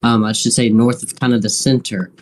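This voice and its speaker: A man with a mid-pitched voice hosts live weather coverage. He speaks off the cuff and haltingly, often circling back over the same phrases as he thinks aloud. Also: little pitch movement. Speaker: live weather stream host. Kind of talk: unscripted live weather commentary.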